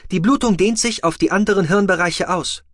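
A rasping medical machine, which a man voices, reads out diagnoses in clipped, flat phrases. Its voice sits higher than a plain speaking voice, and the dry recording keeps every word close. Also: fairly quick, dry recording. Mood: clinical. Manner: flat clinical announcements. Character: rasping male medical robot box.

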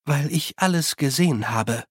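A narrator doing a quiet, earnest young man. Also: a little high, moderate pace, husky, dry recording, studio quality.

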